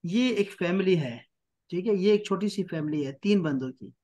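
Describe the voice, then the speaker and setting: Patient male Arabic teacher, fairly high voice, repeats terms slowly for an online class. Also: animated, dark tone. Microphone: online class mic.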